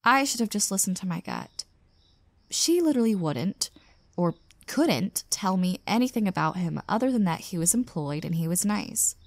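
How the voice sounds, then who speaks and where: In an intimate audio roleplay, a woman plays an exasperated single young woman venting about a bad date, tossing in sarcastic asides as a conversational monologue. Her medium-pitched voice swings widely at a normal speed, with no room sound.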